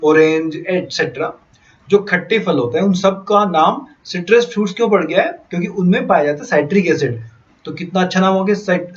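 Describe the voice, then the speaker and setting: A man's voice: sits high, highs cut off. A man teaching a science class, going down a list and asking the class questions. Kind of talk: classroom lecture in Hinglish.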